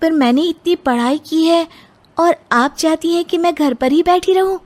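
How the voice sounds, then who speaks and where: A woman voicing an outspoken young bride-to-be in an animated moral story, speaking firmly. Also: very high voice, moderate pace. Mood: indignant. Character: educated, outspoken young bride-to-be, indignant daughter.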